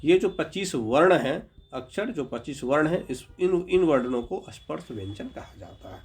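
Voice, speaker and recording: Brief: slightly high-voiced man, patient teacher, sounds out each letter slowly. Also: lively intonation, a little mellow. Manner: patient, repeats sounds slowly, checks in with "ठीक है"; addresses viewers as "Babu". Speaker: Hindi grammar teacher. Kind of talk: explanatory lesson.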